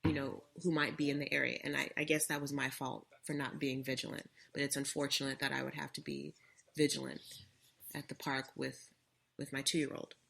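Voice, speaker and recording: A woman's voice: extremely low pitch, flat delivery, fairly quick, gravelly, fairly bright tone. A young adult woman co-hosting a casual talk show, earnestly telling a personal story.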